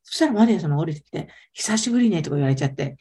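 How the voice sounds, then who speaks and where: A woman guesting on a casual interview tells stories quickly and eagerly in a warm, mellow voice. Animated and emphatic, she lets her pitch swing widely to stress her points.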